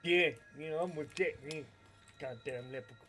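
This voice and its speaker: Grumbling male sailor customer, played by a man, high voice, indignant haggler for online role-play. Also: fairly quick, sharp tone, faint music behind. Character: grumbling dissatisfied male customer sailor demanding money back.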